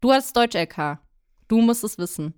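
Eine junge Frau, die als Co-Host in einem lockeren Podcast laut und direkt plaudert und oft lacht. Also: female voice, a little high, lively intonation, moderate pace, clear, resonant tone. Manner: loud, blunt, laughs often. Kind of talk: casual chat. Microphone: close podcast mic.

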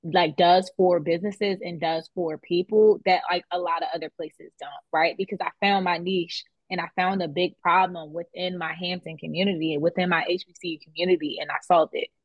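A woman's voice: lowish voice, fairly even intonation, brisk, hardly any pauses, dry recording, lo-fi sound. A woman in her twenties, a beauty business founder, talking casually as a guest and tagging her points with "like" and "right?". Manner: conversational, many "like" and "right?" tags. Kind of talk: casual interview chat.

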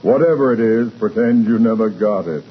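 An actor playing a pompous, oratorical middle-aged town mayor in a 1940s radio comedy. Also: male voice, on the low side, normal speed, husky. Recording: noisy, tinny old-time radio recording.

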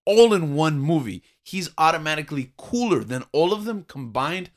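A man's voice: on the high side, expressive, moderate pace. Emphatic, opinionated podcast co-host man. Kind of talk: casual chat.

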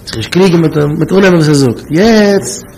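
A man's voice: on the high side, lively intonation, mellow, slight background noise, rough recording. Emphatic man. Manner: emphatic and repetitive, slow drawn-out stresses.

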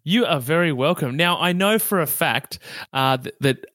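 A man's voice: fairly high pitch, lively intonation, moderate pace, a bit bright, no room sound, studio quality. A man hosting a podcast interview, giving an upbeat introduction and asking questions. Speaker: podcast host.

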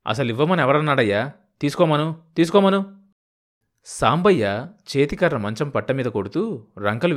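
Male audiobook narrator, even-paced, measured delivery of a novel. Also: medium pitch.

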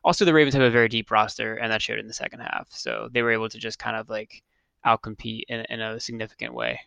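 A man co-hosting a casual sports podcast, measured and analytical. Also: on the low side, fairly even intonation, gravelly, bright, forceful tone, clear, resonant tone, no room sound. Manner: measured, analytical, repeats words. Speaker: podcast co-host.

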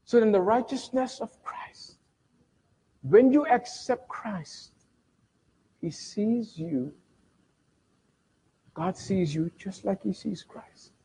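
A middle-aged male pastor with a husky voice, preaching a sermon with sudden loud bursts and dramatic pauses, recorded in a church sanctuary. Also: high-pitched. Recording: long reverb of a church hall.

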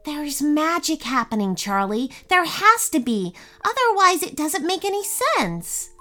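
A woman plays a dreamy young girl from a storybook who clings to hope of magic. Her voice is high and swoops widely, and she talks earnestly and slowly. Soft music sits underneath. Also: sing-song, full character voice.

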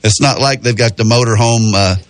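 A man's voice: mid-range voice, a little fast, no room sound. A man with a Southern US accent and a rural drawl, hosting a casual sports talk radio show in a folksy way. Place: radio studio. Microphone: close studio microphone.

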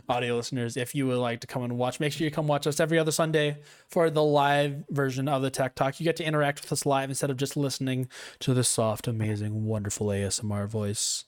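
A man's voice: mid-range voice, level tone, fast, clear, resonant tone. Rambling young male podcast host. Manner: rambling, self-mocking, laughs often. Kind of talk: casual podcast chat.

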